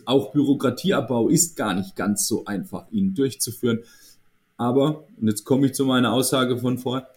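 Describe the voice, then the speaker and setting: A man's voice: medium pitch, darkish tone. A man speaking as an association's managing director in a podcast interview, thoughtful and hesitant, with many fillers and restarts.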